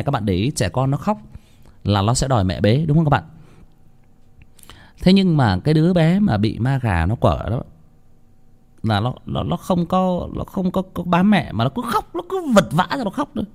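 Man, casual ghost story telling, rambling with restarts, talks right to listeners, expressive rising and falling pitch. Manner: rambling, many restarts and repeated words, addresses listeners directly.

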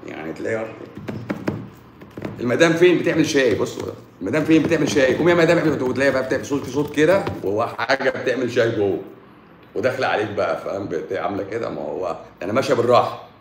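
A man's voice: medium pitch, racing, reverberant, background noise. A man with an Egyptian accent, a doctor giving a casual, joking talk on health in colloquial speech. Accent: Egyptian Arabic. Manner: joking, colloquial, animated explaining.

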